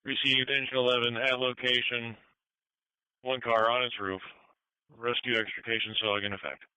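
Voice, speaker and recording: A man with a piercingly bright, clear voice dispatches fire units over a two-way radio. His delivery is clipped and procedural, with a very dry sound. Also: mid-range voice, level tone, moderate pace, no room sound, low-quality recording.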